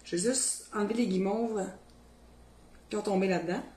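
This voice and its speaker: A woman's voice: medium pitch, moderate pace, dark tone. A woman from the Beauce region of Quebec with a strong local Québécois accent chats casually through a cooking demo, thinking aloud as she works. Her kitchen sounds roomy and echoey, with a faint hum underneath. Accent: Beauce Québécois French. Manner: chatty, thinks aloud while working, colloquial Québécois speech. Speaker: cooking video host. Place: home kitchen.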